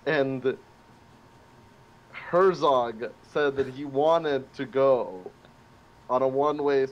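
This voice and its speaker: A man's voice: mid-range voice, drawn-out words, lo-fi sound. A man co-hosting a casual fan Q&A, chiming in with dry, matter-of-fact remarks. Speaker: podcast co-host. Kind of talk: casual live chat with fans.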